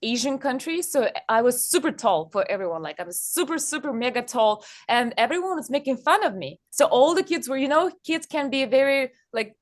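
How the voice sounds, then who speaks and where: A young woman from Kazakhstan, a guest chatting in an interview on stage, speaking haltingly with many fillers. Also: high-pitched, expressive.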